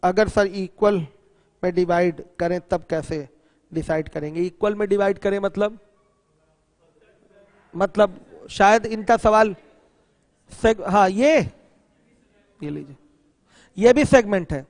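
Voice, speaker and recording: Teaching geometry online, this male math teacher talks slowly and pauses often, his voice high and bright. He poses questions to the class and answers them himself, reads out what viewers ask, and uses English for technical vocabulary. Despite the close, dry sound, a long hall-like reverb lingers after him.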